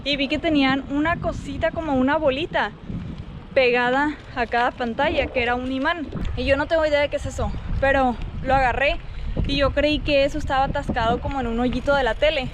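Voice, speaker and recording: Brisk and high-pitched with fairly even intonation, a young woman with a Mexican accent recounts her week vlog-style against a noisy background. She keeps it chatty and colloquial, acting out reported dialogue.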